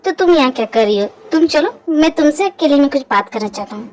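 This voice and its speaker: A woman voicing a gentle, remorseful young man in a fan dub drama, talking in a soft, hesitant, pleading way. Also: sits high, animated, quick pace, low-quality recording.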